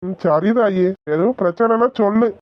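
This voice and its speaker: A woman voicing a calm, indulgent village father in a cartoon, who talks in a gentle, dismissive way. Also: mid-range voice, moderate pace, dry recording, lo-fi sound, pitched below the performer's own voice, natural voice. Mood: easygoing. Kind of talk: cartoon voice acting.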